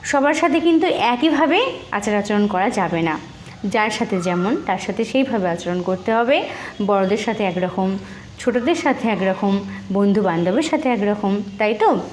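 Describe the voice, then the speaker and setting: A woman's voice: mid-range voice, expressive, moderate pace, a little hiss or hum. A woman making a motivational video, counting off tips and asking the listener to agree. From Bengal. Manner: instructive, counts off points, asks "right?". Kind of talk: motivational talk to camera.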